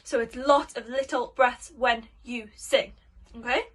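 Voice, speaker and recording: A woman singing teacher giving spoken warm-up instructions, explaining simply and encouragingly, step by step, as if for children. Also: on the high side, fairly even intonation, measured pace.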